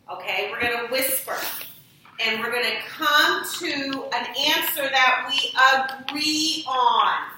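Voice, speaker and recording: Her voice sits high and sounds pushed and bright as this woman, an elementary teacher, walks her class through instructions with patience, questioning the pupils as she goes. The recording comes from a distant mic across an echoey room and carries a little hiss or hum.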